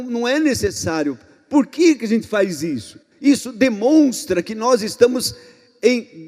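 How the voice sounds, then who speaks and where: A Brazilian pastor preaching a sermon in an emphatic way, swinging between loud outbursts and hushed passages. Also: male voice, high-pitched. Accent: Brazilian Portuguese. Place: church hall. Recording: long reverb in a church hall.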